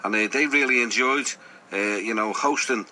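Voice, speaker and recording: A man's voice: mid-range voice, moderate pace, sharp tone, slight background noise. A man hosting a casual radio interview, chatting and prompting his guests with short questions.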